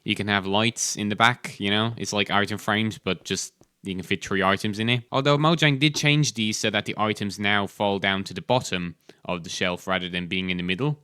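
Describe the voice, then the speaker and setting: A man's voice: on the low side, fairly even intonation, a little fast, sharp tone, clean tone, dry recording. A man hosting gameplay commentary, chatty and enthusiastic, talking while chewing gum. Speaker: host.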